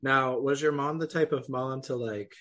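A man hosting a casual sports podcast, talking in a relaxed, chatty way, swearing freely and laughing often. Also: medium pitch, moderate pace. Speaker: podcast host.

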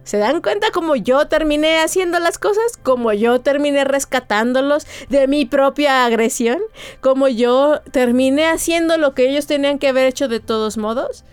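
A woman, explaining a concept in an expressive way and illustrating it with personal examples. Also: sits high, normal speed, dry recording, faint music behind. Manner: expressive, acts out quoted voices. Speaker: speaker explaining relationship psychology.

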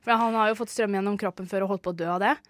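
A woman's voice: mid-range voice, fairly even intonation, no room sound. Chatty young Norwegian woman, dry sound. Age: young adult. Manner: rambling, many fillers. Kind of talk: casual chat, storytelling.

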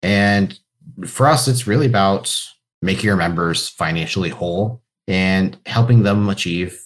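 Male interview guest, low-pitched, casual conversational founder talk. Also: fairly bright tone. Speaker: podcast guest, company founder.

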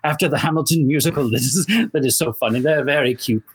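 A man playing a jolly, chatty, good-natured Santa Claus in a rambling, effusive interview chat with a husky voice. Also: a little high, quick pace. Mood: cheerful, chatty. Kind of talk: improvised in-character interview chat.

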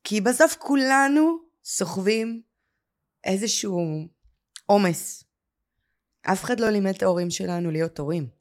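A woman of ordinary pitch speaks as a storytelling coach on a podcast. She talks in an intense, heartfelt way and draws out key words to stress them. Her conversational tone stays earnest and emphatic. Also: long pauses.

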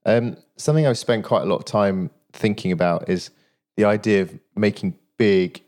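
Deep-voiced male interviewer. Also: a little mellow. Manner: thoughtful, measured questioning. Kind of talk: reflective conversational interview.

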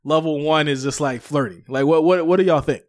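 A man hosting a casual podcast chat, laughing often and teasing his co-hosts in quick bursts. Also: a little high. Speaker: podcast host.

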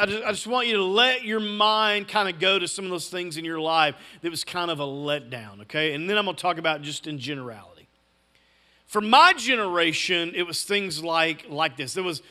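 A man's voice: sits high, pushed and bright. A middle-aged man preaching a sermon as pastor, emphatic and repeating key words. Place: church sanctuary.

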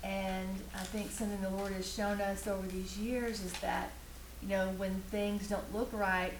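A woman's voice: mid-range voice, level tone, normal speed. A woman sharing reflective commentary on scripture as a participant in a Bible study. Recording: roomy echo with background noise.

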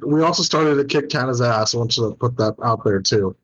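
A man's voice: mid-range voice, brisk, fairly bright tone, dull audio. A man playing a tabletop role-playing game, describing his character in a loose, rambling way. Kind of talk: casual chat.

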